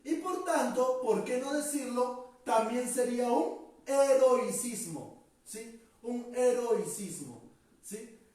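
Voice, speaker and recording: A male teacher giving a vocabulary lecture, stretching out key words for emphasis and ending sentences with quick tag questions. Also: very high voice, animated, a little mellow. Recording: echoey room, distant mic.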